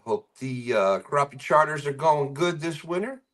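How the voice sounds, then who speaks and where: A man's voice: a little high, lively intonation, normal speed, fairly bright tone. Give me a man hosting a live fishing stream, greeting viewers and chuckling as he reads comments. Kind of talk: casual live-stream chat.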